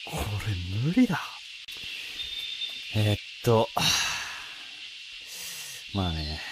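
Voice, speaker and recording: A man talks casually through a horror game, nervous and pleading with his viewers. His pitch swings widely from phrase to phrase. Noisy, chirping game ambience sits behind his voice. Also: huge pitch swings, extremely slow. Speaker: video game player and commentator. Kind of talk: casual horror game let's-play commentary.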